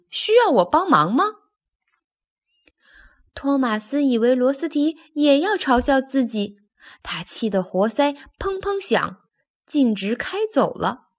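A woman telling a children's story to young listeners. She reads slowly in a higher voice that rises and falls a lot. Her delivery is lively and expressive.

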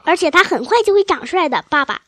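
A tiny fox cub in a storybook, frightened and full of anxious questions, put on by a woman reading aloud. The voice sits high and close, with a dry sound and no room around it. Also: big pitch swings, fast talker, no echo. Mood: scared.

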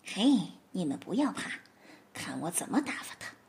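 Storybook fox, sly and teasing, voiced by a woman, slightly lower than her own, lively and playful. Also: moderate pace. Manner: teasing, mock-innocent. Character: sly mocking fox, head of the family.

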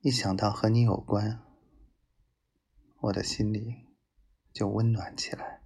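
A low, gravelly male voice speaks slowly, as if confessing love to his woman. He is possessive and domineering, with an intense, intimate delivery that sometimes sinks toward a breathy whisper. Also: little pitch movement, darkish tone. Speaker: narrator of love monologues addressed to his wife. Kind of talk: intimate romantic monologue.

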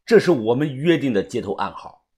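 A man narrating a first-person audiobook story in a lively, swinging storyteller manner. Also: medium pitch, fairly quick, husky.

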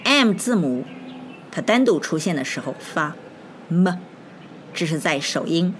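A woman with a deep, very animated voice teaches an English phonics lesson, speaking slowly and deliberately. She spells out letters and repeats every word, with slight background noise.

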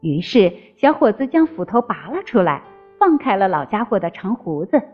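A woman narrating a fairy tale in an expressive storytelling manner. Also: mid-range voice, moderate pace. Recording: slightly dull with faint music.

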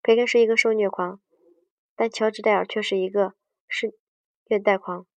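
A woman with a mid-range voice reads a book aloud at normal speed with fairly even intonation, frequently stumbling, starting over, and correcting herself partway through sentences. The recording is dry, dull, and distant, with no echo.

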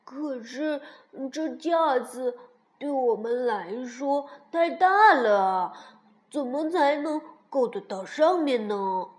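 A woman voicing a clumsy, eager young male frog in a storybook, with loud, excitable exclamations. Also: high voice, takes it slowly. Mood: excited.

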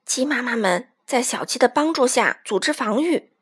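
A woman storyteller reading a children's story aloud in an animated, dramatic way. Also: fairly high pitch, normal speed, slightly rough.

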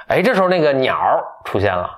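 A man casually retelling a fairy tale to a friend, rambling with many fillers and self-corrections, playful and quick to get animated. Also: mid-range voice. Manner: playful, gets animated and laughs. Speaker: storyteller.

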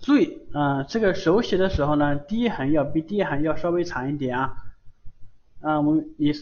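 A man's voice: fairly high pitch, brisk, a little mellow. A man teaching Japanese syllables in a live online lesson, patiently repeating each sound over and over. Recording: dull lo-fi stream audio.

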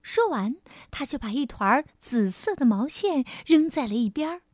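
A woman reading a children's story aloud in a gentle, sing-song way, speaking to a child. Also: sits high, big pitch swings, normal speed, no room sound, studio quality.

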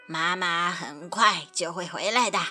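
Woman putting on a soft-spoken old granny, soothing, lower than her own voice, slow, storybook reading over faint music. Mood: gentle. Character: gentle, patient old grandmother.

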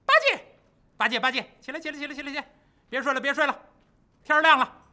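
A man's voice: very high voice, expressive, a little slow, pushed and bright, voice pushed up, heavily acted. A man voicing a hot-tempered male monkey king who hurries and bosses others about. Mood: urgent. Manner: impatient, bossy urging.

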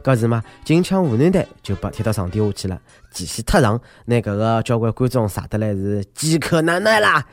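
A man's voice: medium pitch, big pitch swings, a little fast, few pauses, no echo, faint music behind. A man with a Shanghainese accent hosting a scripted humorous news show, joking and exclaiming like a theatrical storyteller. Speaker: host of a comedic news podcast.

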